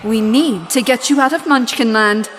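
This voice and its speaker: An actress gives a lightly acted performance as a good witch, kind yet commanding, in an audio drama with music playing beneath her. Her voice is on the high side with background noise, and she explains matters in a grave, formal, authoritative, measured manner.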